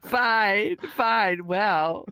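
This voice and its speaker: A woman co-hosting a casual, flirty chat show, giggly and mock-innocent with drawn-out replies. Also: mid-range voice, sharp tone, smooth, no echo. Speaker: podcast co-host.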